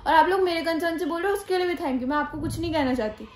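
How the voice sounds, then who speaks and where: Young pregnant woman vlogger, high voice, earnest and insistent, echoey room. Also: rapid-fire. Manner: earnest, emphatic, mixing in English phrases. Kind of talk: casual talk to camera.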